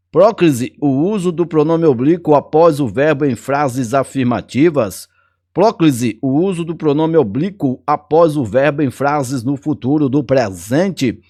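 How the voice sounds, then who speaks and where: A man's voice: on the high side, a little mellow. A man teaching a grammar lesson for an exam, chatty and playful, repeating key words and chuckling often.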